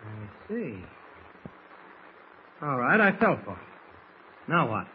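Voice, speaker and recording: An actor playing an unflinching government agent hero in an old radio serial, speaking with firm, clipped defiance. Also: male voice, medium pitch, big pitch swings, slow. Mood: defiant. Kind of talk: 1940s radio serial acting. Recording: muffled, hissy old radio recording.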